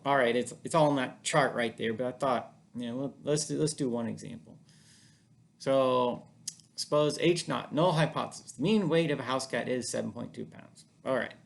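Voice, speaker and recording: A man with a mid-pitched, gravelly voice walks through a statistics lesson at home. He talks casually to the camera, with plenty of fillers and restarts as he explains. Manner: casual, chatty explaining with frequent fillers and self-corrections. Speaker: statistics teacher. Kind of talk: informal recorded lecture.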